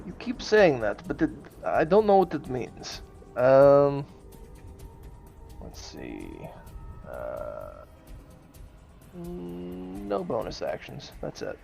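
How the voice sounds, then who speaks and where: A man's voice: medium pitch, wildly swooping pitch, takes it slowly, gravelly, long pauses, a little mellow, faint music behind. A man chatting casually as a player in a tabletop fantasy game.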